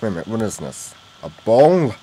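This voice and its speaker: A man's voice: lowish voice, very animated, a little fast, mellow, slightly rough. A man giving casual gameplay commentary, rambling and thinking aloud as he plays. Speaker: gamer narrating his own play. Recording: noisy game audio behind voice.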